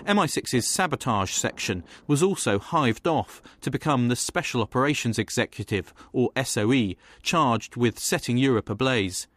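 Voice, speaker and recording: A man giving scripted documentary narration in a measured, even delivery. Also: mid-range voice, no room sound.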